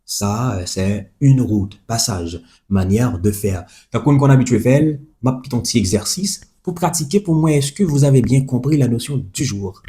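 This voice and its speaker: Man, French lesson, spells words letter by letter, repeats examples, mellow tone, mid pitch. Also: expressive, moderate pace, hardly any pauses. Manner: chatty asides to the listener. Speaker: French teacher. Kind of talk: explaining a language lesson.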